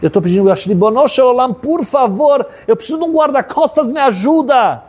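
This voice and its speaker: A man's voice: high-pitched, fast, warm tone, breathy edge, pitched above the performer's own voice, exaggerated voice. A man voicing a distressed ten-year-old boy who pleads through tears. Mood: tearful.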